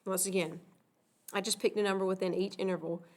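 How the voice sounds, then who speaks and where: A woman's voice: medium pitch, flat delivery, fairly quick, a little mellow. A woman teaching a recorded math lesson, patiently walking through examples and checking in with "okay?".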